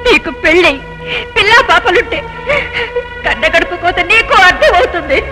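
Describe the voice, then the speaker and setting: A woman's voice: very high-pitched, expressive, moderate pace, rough recording. A woman playing a proud unmarried elder sister in a dubbed film drama, speaking sternly and indignantly, then pleading through tears. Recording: film soundtrack with loud music.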